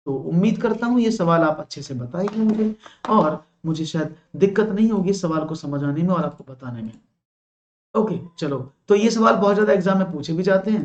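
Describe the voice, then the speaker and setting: A man's voice: high-pitched, a little mellow. Encouraging male maths teacher, roomy dull audio. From India. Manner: encouraging, praises viewers' answers, explains step by step. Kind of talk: live online exam-prep class.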